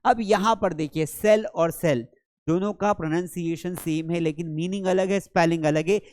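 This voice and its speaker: A man teaching English vocabulary in a lesson, calling students beta and reading English example sentences slowly. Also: high voice, fairly even intonation, darkish tone, dry recording, clean studio sound. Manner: calls listeners beta, slows right down for English example sentences. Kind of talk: classroom lesson explaining words.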